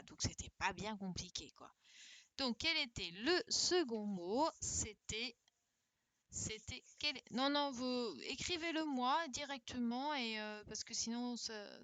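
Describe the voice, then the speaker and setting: A primary school teacher with a slightly high, bright, forceful voice teaches a young class over a video call, heard dryly through a computer mic. She corrects worksheets and coaxes pupils to answer by repeating her questions.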